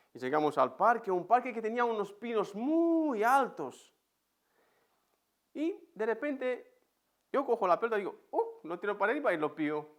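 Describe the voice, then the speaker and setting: A high-pitched man with an accent from Spain preaches in an empty church. He leans into his story with a voice that leaps up and down. He is a vivid, animated storyteller. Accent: Spain Spanish. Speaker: pastor. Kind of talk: sermon with personal storytelling.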